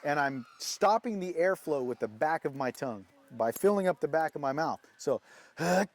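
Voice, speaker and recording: A man with a notably high voice works through a practical demonstration as a calling instructor. He explains in a casual, folksy way, step by step. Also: expressive, normal speed.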